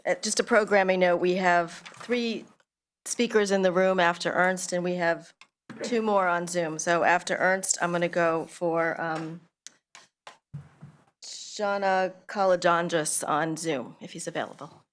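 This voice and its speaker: A woman chairing the public comment period and calling up each speaker in turn. She is brisk and informal, with lots of "um"s. There is faint noise behind her, with small clicks. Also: on the low side, fairly even intonation. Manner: brisk, informal, with many fillers. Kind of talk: procedural meeting announcements.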